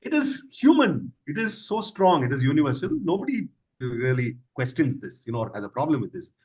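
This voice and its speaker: A man's voice: mid-range voice, very animated, brisk, a little mellow, low-quality recording. A man answering audience questions in an online session, advising with stressed key words over a video call.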